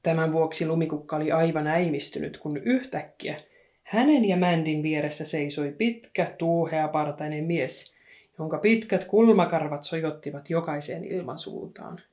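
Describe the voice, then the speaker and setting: A woman reading a children's story aloud in a calm, unhurried way. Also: low-pitched. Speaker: audiobook reader.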